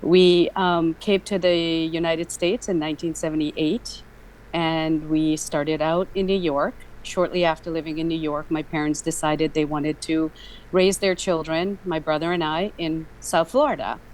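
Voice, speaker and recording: A woman's voice: deep voice, fairly even intonation, unhurried, a little mellow, a little hiss or hum, poor audio. A woman in her fifties, from Guyana, chatting as a guest on an interview show with frequent ums. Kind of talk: casual interview talk.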